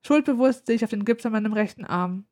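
A woman narrates a first-person story as an audiobook reader. Her voice sits a bit high, and she tells it in a calm, steady manner. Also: quick pace.

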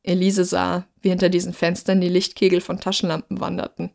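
A woman narrating a story in a steady, measured reading voice. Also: fairly low pitch, gravelly.

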